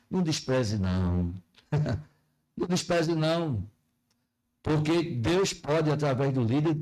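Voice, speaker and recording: A pastor preaching a folksy sermon in church, often asking the congregation questions. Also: male voice, a little high, darkish tone, rough recording.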